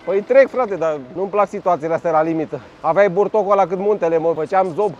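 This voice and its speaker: High-voiced, blunt-talking man cycling. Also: lo-fi sound, a little hiss or hum. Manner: loud, blunt, swears freely at other road users. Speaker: cycling vlogger. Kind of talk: casual running commentary while riding. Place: outdoors on city streets in traffic.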